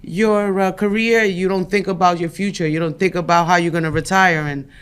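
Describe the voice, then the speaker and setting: A man's voice: high voice, steady tone, a little fast, fairly bright tone, clean tone. A man, an EMS lieutenant, urging listeners to plan for retirement in an emphatic, motivational way. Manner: emphatic, motivational, with repeated restarts. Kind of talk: casual podcast talk.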